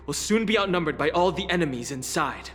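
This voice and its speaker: Urgent young male game companion, fast talker, fairly high voice, faint music. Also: animated, fairly bright tone.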